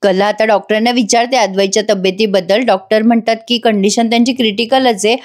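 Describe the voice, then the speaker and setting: A woman's voice: a little high, steady tone, fast talker. A woman giving a chatty voice-over recap of a TV serial episode and talking to viewers. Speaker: TV serial reviewer.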